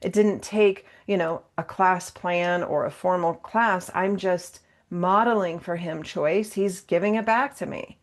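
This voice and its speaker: A woman with a somewhat low voice leads a training talk on yoga and mindfulness. She speaks casually and encouragingly, checking in with her listeners and breaking into playful voiced examples. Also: a little slow, few pauses. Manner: acts out everyday exchanges in a playful voice. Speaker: yoga and mindfulness workshop presenter.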